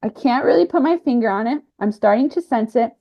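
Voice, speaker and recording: A woman talking through a personal spiritual experience in a reflective monologue, pausing and restarting often. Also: a little high, expressive. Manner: halting, with frequent fillers and restarts. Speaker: speaker sharing a personal spiritual account. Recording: slightly muffled lo-fi recording.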